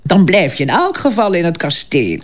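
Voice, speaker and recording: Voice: medium pitch, big pitch swings, voice pushed up, natural voice. A narrator voicing a kindly, apologetic older head lady-in-waiting in a fairy tale. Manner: apologetic, brisk.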